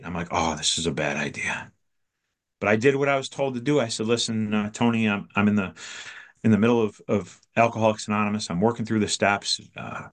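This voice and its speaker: Man with a fairly low voice, casual storyteller who acts out the dialogue and restarts his sentences. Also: fairly bright tone. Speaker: person sharing a recovery story. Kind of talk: personal storytelling.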